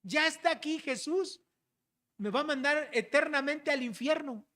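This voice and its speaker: A preacher voicing an anguished demon that cries out in a raised, loud voice and drags its words slowly. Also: high voice, pitched above the performer's own voice. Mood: fearful. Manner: drawn-out anguished cries, slow dragged words. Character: anguished demon crying out, unclean spirit. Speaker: preacher acting out a quote.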